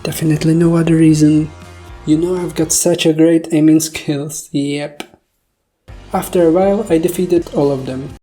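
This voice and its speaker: A woman's voice: low-pitched, measured pace. A woman, a native Czech speaker, casually recounting a dream in a puzzled, self-deprecating, jokey way with rhetorical asides. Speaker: video storyteller. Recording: faint background music. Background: soft music.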